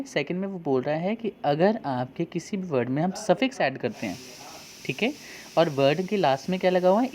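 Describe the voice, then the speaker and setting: A man's voice: fairly high pitch, darkish tone, slight background noise. A male teacher with an Indian accent, explaining spelling rules to seventh graders, asking rhetorical questions and answering them himself.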